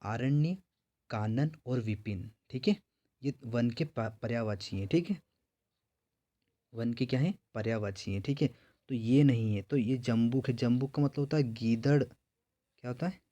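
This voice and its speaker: A man's voice: medium pitch, unhurried, mellow, highs cut off. A male teacher going through exam questions, asking each one aloud and then answering it himself. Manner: repetitive, quizzing himself and answering. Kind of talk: exam-prep lesson.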